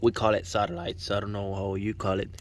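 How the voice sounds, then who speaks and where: A young man from Puerto Rico, a native Spanish speaker with a Puerto Rican accent, circles his pickup truck outside while explaining it. His voice sits on the low side with a flat delivery, and he talks casually but haltingly, frequently restarting as he reaches for words.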